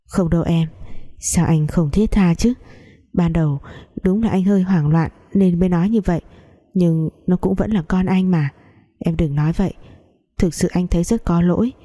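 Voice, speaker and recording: A woman voicing a guilt-ridden young man who speaks softly and slowly to calm his lover. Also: on the low side, lightly acted. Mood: soothing.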